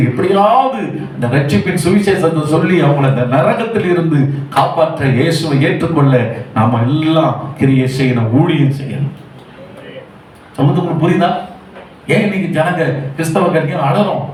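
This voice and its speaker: A man's voice: on the high side, recorded from a distance. A male pastor preaching a Sunday sermon in Tamil with a Tamil Nadu accent, urging his listeners with repeated questions. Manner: repeats rhetorical questions, urgent and pleading. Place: church hall. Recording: echoey church hall from afar with faint hum.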